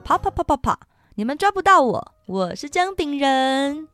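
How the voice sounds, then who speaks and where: A woman doing a cheeky high gingerbread man. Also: big pitch swings, normal speed, fairly bright tone, soft background music, full character voice. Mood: taunting. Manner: sing-song taunting chant.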